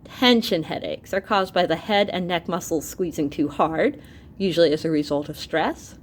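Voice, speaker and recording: A woman with a lowish voice reads an educational book aloud at a normal speed, playing a teacher addressing her students, with slight background noise. She's animated and expressive, talking straight to her listeners and tossing in asides and exclamations.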